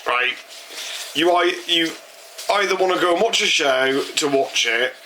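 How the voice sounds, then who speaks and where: A man's voice: a little high, measured pace, sharp tone, slight background noise. A man from the UK co-hosting a vlog, talking casually and emphatically, with rhetorical questions. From United Kingdom. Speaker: vlog co-host. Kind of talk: casual chat.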